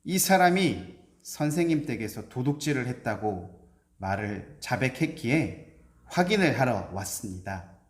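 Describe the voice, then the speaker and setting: A man's voice: medium pitch, very animated, a little slow, reverberant. A man voicing a polite but suspicious male policeman who speaks formally.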